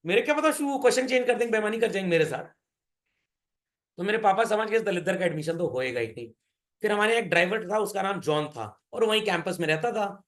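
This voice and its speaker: A commerce teacher gives a classroom lecture in a lively, high voice, animated and joking as he keeps asking, "Is that clear?"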